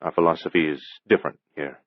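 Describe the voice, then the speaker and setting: A man playing a male police detective who speaks calmly and guardedly. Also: rumbling low, fast, slightly rough, dry recording, highs cut off. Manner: calm, clipped, guarded.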